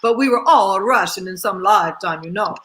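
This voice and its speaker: A woman's voice: medium pitch, fairly quick, crowd noise. A woman guest in a casual online interview, speaking emphatically and laughing easily.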